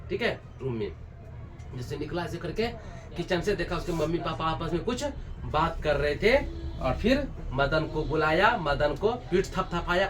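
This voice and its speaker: A male teacher retells a story for students in a lively way and keeps asking them quick questions. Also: high voice, distant mic. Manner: lively, with constant check-in questions.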